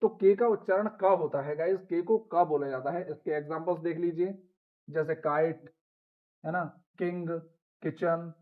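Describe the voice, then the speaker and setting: A man with a fairly high voice gives a patient pronunciation lesson, spelling out words letter by letter and restating each rule. The sound is thin and tinny, like a phone line, and he keeps calling his viewers "guys". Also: steady tone, measured pace. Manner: explains step by step, repeating rules and spelling out letters. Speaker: English pronunciation teacher. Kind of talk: Hindi classroom-style lesson.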